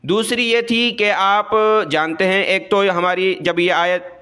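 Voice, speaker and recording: High-voiced man teaching slow Quran recitation. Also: fairly even intonation, pushed and bright, clean tone. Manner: slow drawn-out recitation, quick explanations between. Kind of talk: letter-by-letter Quran recitation lesson.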